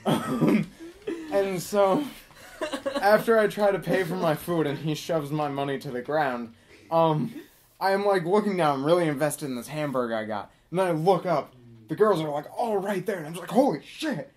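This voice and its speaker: A man casually telling a funny personal anecdote, animated and giggly, swearing freely and acting out his friends. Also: on the high side, moderate pace. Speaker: storyteller.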